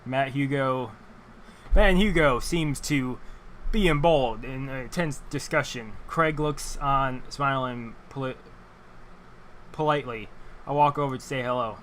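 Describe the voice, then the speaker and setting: A man reading visual novel dialogue aloud like a let's player, halting and stumbling over words, with a fan running in his room. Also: medium pitch. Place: hot bedroom with a fan running. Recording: steady fan noise in room. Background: whirring fan.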